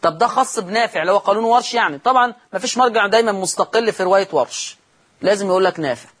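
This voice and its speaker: A man's voice: high voice, racing, a bit bright. A middle-aged man with an Egyptian Arabic accent, teaching Quran readings on a TV lesson and addressing viewers directly, repeating key points.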